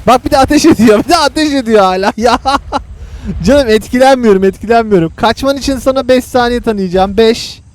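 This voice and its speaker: A man hosting a gaming channel, giving chatty, excitable play-by-play commentary to his viewers and teasing the friend playing with him. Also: very high-pitched, brisk, no room sound.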